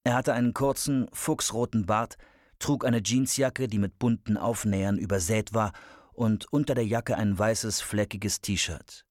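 A male audiobook narrator with a low voice, reading in a steady, measured way. The close-miked recording is dry, with no room sound. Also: dry recording. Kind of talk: scripted narration.

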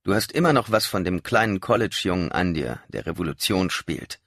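A man voicing a fierce militant woman who leads a revolutionary cell, loud and biting in her mockery. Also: deep voice, sing-song, fairly quick, no echo, clean studio sound, full character voice. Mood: scornful.

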